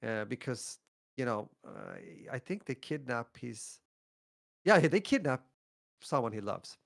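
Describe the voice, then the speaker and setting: A man's voice: mid-range voice, very animated, unhurried, creaky. A man with a French accent co-hosting a podcast, chatting casually and hesitantly about films he recommends. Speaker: podcast co-host.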